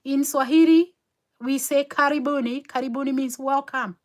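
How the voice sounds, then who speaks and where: Speaking at a moderate pace in a high-pitched voice with a steady tone, a Kenyan woman hosts a motivational live stream from home in New York City. A native Kikuyu speaker, she is earnest and encouraging and repeats her key phrases.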